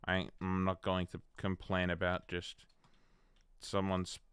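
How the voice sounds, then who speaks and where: A man's voice: low voice, monotone, unhurried, fairly bright tone, clear, resonant tone, no echo, studio quality. A man chatting casually on a gaming livestream, rambling and answering his chat by name. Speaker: streamer.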